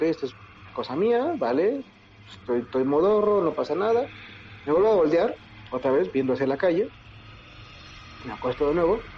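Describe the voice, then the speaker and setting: A Mexican man rattles through a ghost story at high speed, his voice sitting a bit high for a man. He talks loose and slangy, swearing and quoting himself as he goes. The sound is muffled and lo-fi, with faint music underneath. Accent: Mexican Spanish. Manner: slangy, swearing, animated retelling with self-quotes. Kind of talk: casual ghost story telling.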